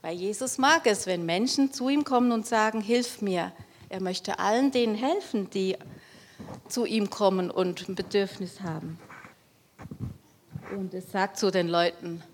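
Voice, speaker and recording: A woman's voice: medium pitch, a little slow, a little hiss or hum. A woman telling a Bible story to children, explaining as she goes and asking them questions. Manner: lively, explaining, asks the audience questions.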